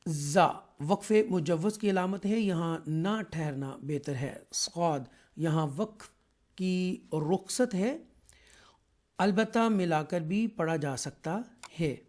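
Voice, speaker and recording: A man from Pakistan teaching an online Quran lesson, explaining slowly and carefully with many drawn-out fillers. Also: a little high, a little mellow.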